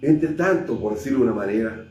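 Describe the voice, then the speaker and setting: A man, a pastor with a Chilean Spanish accent, preaching a sermon and acting out scripture scenes, swinging between loud and hushed delivery. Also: mid-range voice, animated, quick pace. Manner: retells scripture with acted dialogue, shifts between loud and hushed. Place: church sanctuary. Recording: echoey church from far off, faint noise.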